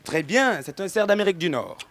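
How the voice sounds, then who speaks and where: Playing a village radio quiz host, a male actor with a Burkinabè French accent announces the questions and keeps breaking into laughter. He speaks a little fast in a high, animated, somewhat bright voice.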